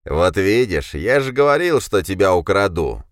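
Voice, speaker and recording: A young nobleman with madness in his eyes mocks his victims in a slow, gloating voice, as a male narrator puts him on. His delivery swings between low sneers and sudden rises. The read is dry and close. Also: animated, dry recording. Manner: gloating, cold mockery. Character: mad, cruel young nobleman villain.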